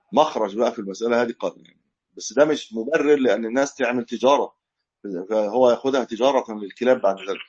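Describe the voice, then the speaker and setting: A man's voice: mid-range voice, a little mellow, slightly rough. A man with an Egyptian accent giving a live class lecture, explaining in a conversational way, answering questions and correcting himself as he goes. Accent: Egyptian Arabic. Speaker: religious teacher. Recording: dull lo-fi recording.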